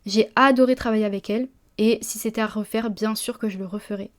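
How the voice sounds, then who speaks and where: A woman's voice: mid-range voice, fairly even intonation, quick pace. A woman, hosting a casual solo podcast about publishing, chatty with many fillers and restarts.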